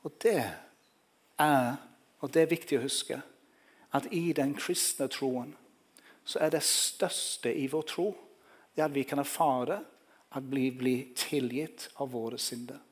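A man's voice: medium pitch, pauses often, slightly rough. A man preaching a sermon, telling the story vividly and speaking directly to the listeners.

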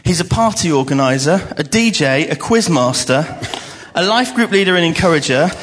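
A man's voice: a little high, animated, moderate pace, a bit bright. A man leading a church service, introducing the guest speaker in an upbeat manner. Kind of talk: church announcement. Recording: reverberant church hall.

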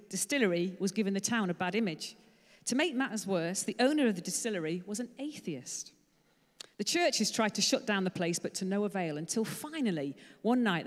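A woman giving an earnest, conversational sermon full of stories. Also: medium pitch. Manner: earnest, conversational, dropping to soft emphasis. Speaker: preacher. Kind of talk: sermon with storytelling. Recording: long hall reverb.

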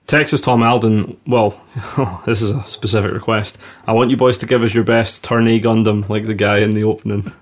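A man's voice: fairly low pitch, steady tone, brisk, few pauses. Blunt joking man on a podcast. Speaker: podcast co-host. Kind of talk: casual chat.

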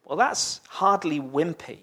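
Slow, softly spoken preacher. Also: slightly rough. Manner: slow, conversational, asks the congregation questions; voice often drops low, almost to a whisper. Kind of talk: sermon.

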